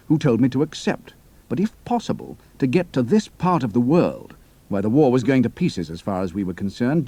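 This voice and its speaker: A male actor with a warm, mid-range voice plays a cool, capable young pilot and spy, delivering his lines in a clipped, matter-of-fact way. The recording is dry.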